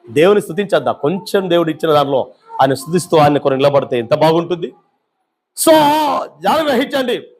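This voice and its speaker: High-voiced man preaching with fervor. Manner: impassioned preaching, rhetorical questions. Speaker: pastor. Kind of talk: sermon.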